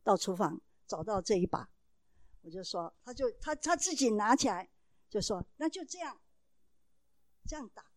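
Animated mother telling a parenting story. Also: mid-range voice, normal speed, long pauses, no room sound. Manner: animated storytelling, acting out dialogue. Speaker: mother giving parenting advice.

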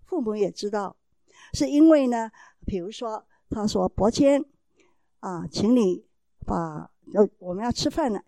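Animated mother telling a parenting story. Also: medium pitch, dry recording. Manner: animated storytelling, acting out dialogue. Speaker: mother giving parenting advice.

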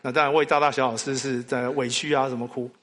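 A man's voice: medium pitch, quick pace. A man preaching a sermon, telling stories and asking the congregation questions. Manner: animated storytelling with rhetorical questions. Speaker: pastor. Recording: long hall reverb.

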